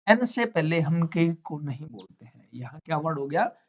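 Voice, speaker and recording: A man's voice: a little high, sing-song, moderate pace. A male teacher explaining English silent letters in a classroom lesson. He asks questions and answers them himself, step by step. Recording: dull lo-fi sound.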